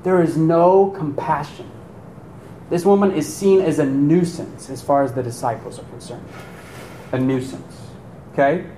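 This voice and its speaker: A pastor preaching a sermon to his congregation in a lively, animated way, firing off rhetorical questions. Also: a little slow. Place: church sanctuary. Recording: echoey room with faint rumble.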